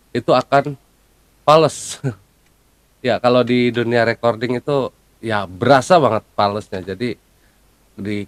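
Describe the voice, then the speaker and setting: A man's voice: lowish voice, dry recording. A man casually explaining a guitar topic to viewers, with frequent fillers and a conversational, hands-on manner. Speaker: guitar tutor.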